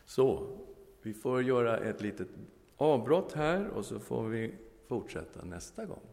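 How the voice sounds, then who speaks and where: A man's voice: mid-range voice, sing-song, gravelly, a little mellow. A male preacher giving a sermon, telling a Bible story with humor and ending in prayer. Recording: long echoing hall reverb.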